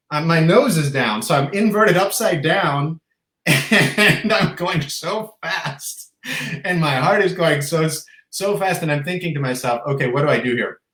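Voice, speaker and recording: A young man co-hosting a live Q&A, telling an animated story with frequent laughter. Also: sits high, roomy sound. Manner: animated, laughing, acts out voices. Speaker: co-host.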